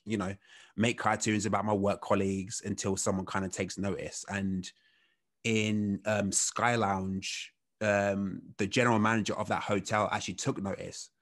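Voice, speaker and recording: A man in his thirties, a guest on a podcast. He speaks in a fairly low voice and tells his story in a loose, rambling way, with many casual fillers. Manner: relaxed, rambling, heavy on "you know" fillers.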